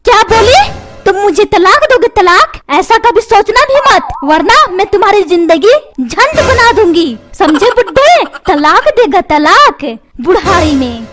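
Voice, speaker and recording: A woman voicing a quarrelsome, sharp-tongued mother and wife. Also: very high-pitched, very animated, a little slow, over loud music, heavily acted. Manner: scolding, quarrelsome. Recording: noisy background.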